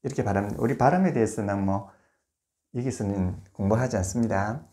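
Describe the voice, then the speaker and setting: A man giving a recorded grammar lecture, explaining step by step, posing rhetorical questions, and slowing down to spell out examples. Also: fairly low pitch, mellow. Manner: slows to spell out words and examples.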